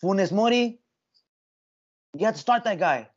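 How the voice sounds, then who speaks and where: A man with a fairly high voice talks like a frat bro on a casual sports podcast, slangy and repeating his points. The sound is a little dull and lo-fi. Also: expressive, a little slow. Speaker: podcast panelist.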